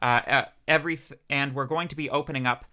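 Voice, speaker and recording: A man's voice: medium pitch, steady tone, fast talker, pushed and bright. A young man, a PhD student teaching a university course, giving a casual livestreamed lecture in a chatty, rambling way with many fillers.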